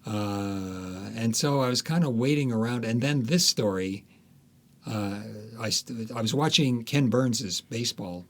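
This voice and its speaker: This male author, speaking in an interview with a mid-range voice at a measured pace, recounts stories conversationally. He animates his retellings and throws in quoted asides.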